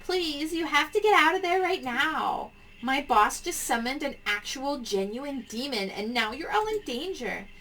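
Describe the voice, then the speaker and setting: A woman plays a frantic female caller from a game. She is insistent and urgent, warning in a halting way. The voice is high, with some noise behind it. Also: lively intonation, fairly bright tone, rough recording. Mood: urgent, frightened.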